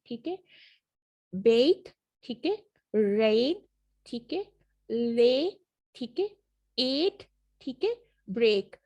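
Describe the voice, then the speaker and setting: A woman teaches a phonetics class online, speaking through a computer mic on a video call. Her voice sits a little high, and she has a throat infection. She stretches out sample words and checks in with her students after nearly every point. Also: a little mellow. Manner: checks in often with 'theek hai?', models words slowly.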